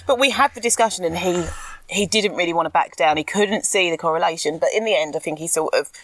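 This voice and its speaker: A woman's voice: fairly low pitch, fast, fairly bright tone, dry recording. A woman co-hosting a podcast in casual chat, candid and a little ranty, laughing often. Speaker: podcast co-host. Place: outdoors in a garden.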